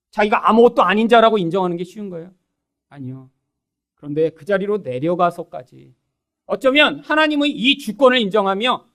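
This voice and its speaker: A man's voice: sits high, a bit bright. A man preaching a sermon as pastor. He keeps asking the congregation questions and acts out little scenes. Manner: asks the congregation many rhetorical questions.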